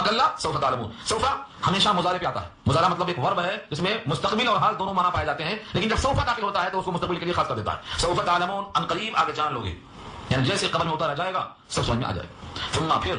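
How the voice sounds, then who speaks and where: A man giving a Quran commentary lecture, explaining word by word with rhetorical questions and emphatic swings between low and raised phrases. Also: expressive, pushed and bright. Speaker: Quran teacher. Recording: roomy echo with faint ambience.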